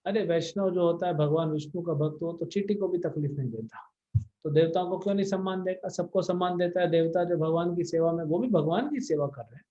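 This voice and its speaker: A spiritual teacher with a slightly high, mellow voice talks fairly quickly over a lo-fi video call, answering devotees' questions. His devotional Q&A is blunt and scolding, sprinkled with English words.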